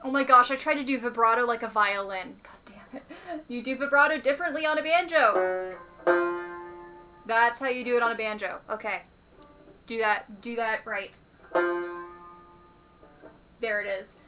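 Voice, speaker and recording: A woman chatting casually on a live stream about learning the banjo, talking with quick enthusiasm and muttering to herself between phrases. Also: a little high, bright, forceful tone. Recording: banjo music behind. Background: banjo playing.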